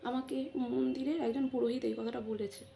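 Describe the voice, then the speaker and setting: A middle-aged woman pours out an impassioned personal monologue, circling back to phrases and punctuating them with quick affirmations. Her voice sits fairly high yet sounds mellow and dark in tone, with a gravelly, fry-laden texture. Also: steady tone, a little hiss or hum. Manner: impassioned, repetitive, frequent affirming interjections. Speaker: vlogger.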